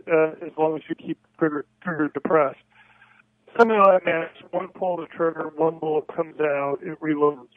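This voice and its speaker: A man speaks over the phone as a guest on a radio show. The line is tinny and narrow, and his voice sits a little high. The sound is dry, and he explains things quickly and plainly. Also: no echo.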